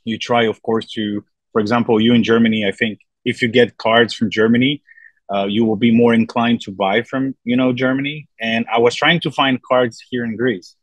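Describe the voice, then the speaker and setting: A man from Belgium with a Belgian French accent, chatting as a podcast guest, relaxed and rambling with many fillers. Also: mid-range voice, normal speed, dry recording, low-quality recording. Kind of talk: casual interview chat.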